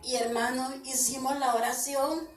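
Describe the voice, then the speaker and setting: A woman's voice: high voice, flat delivery, normal speed. A woman giving a personal religious testimony to a congregation, retelling conversations and repeatedly addressing her listeners as brothers. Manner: retells dialogue, repeating "I told him" after each phrase. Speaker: church member giving testimony. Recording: echoey room, voice far from the mic, faint music.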